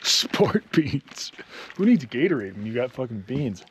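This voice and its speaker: A man's voice: mid-range voice, very animated, a little slow, a little hiss or hum. A man hosting a hiking show, chatting casually outdoors on a trail, laughing often and swearing freely. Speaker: show host.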